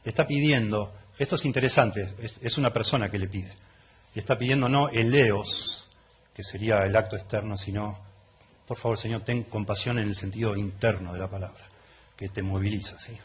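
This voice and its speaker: A man's voice: on the low side, a little fast, a little hiss or hum. A middle-aged man with an Argentine Rioplatense accent, a pastor giving an expository sermon in a conversational way to a congregation in church, often checking in with the listeners. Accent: Argentine Rioplatense Spanish.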